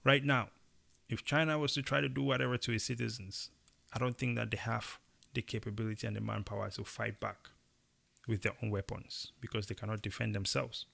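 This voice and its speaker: Casting: young male co-host from Cameroon, gravelly voice, emphatic delivery with animated bursts. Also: lowish voice, brisk. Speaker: podcast co-host. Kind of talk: casual opinion chat.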